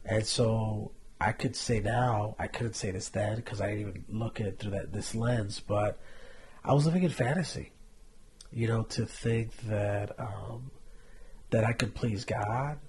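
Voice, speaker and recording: Brief: man sharing testimony, earnest and reflective, gravelly voice, faint noise behind. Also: fairly low pitch, slow pace, darkish tone. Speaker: podcast co-host sharing testimony. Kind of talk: candid faith testimony.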